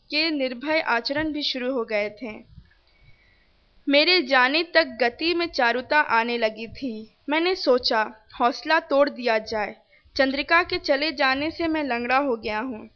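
A woman reading a novel aloud, plainly, even speaking the punctuation marks. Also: high-pitched, slow pace. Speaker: reader. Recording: dull lo-fi recording.

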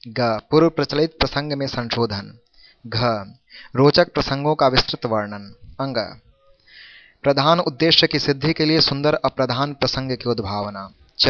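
A man reading a Hindi literary theory lesson aloud, measured and formal, going slowly through numbered points. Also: medium pitch, fairly bright tone, no room sound. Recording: dull dry lo-fi recording.

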